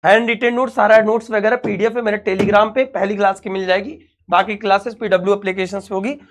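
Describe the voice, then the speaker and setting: His voice sits high and steady, and he moves at a quick pace. The young man runs a physics class online, keeping things conversational and reassuring while calling everyone his dear children.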